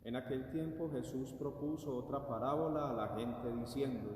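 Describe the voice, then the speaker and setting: Sacerdote, lectura del Evangelio pausada y solemne, eco de catedral, voz lejana del micrófono. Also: male voice, mid-range voice, a little mellow, a little hiss or hum. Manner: measured, solemn reading. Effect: cathedral echo. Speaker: priest proclaiming the Gospel. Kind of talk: liturgical Gospel reading. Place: large church. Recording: echoey church hall from far off.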